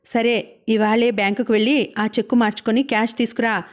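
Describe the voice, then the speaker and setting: A woman's voice: on the high side, fairly even intonation, a little fast, natural voice. A woman voicing an ambitious, domineering young husband who talks in a demanding, brusque way.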